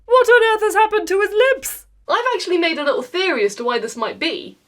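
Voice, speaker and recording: A very high-pitched, animated woman with a British accent speaks fairly quickly as host of a playful, sarcastic video game review for viewers. Music plays underneath.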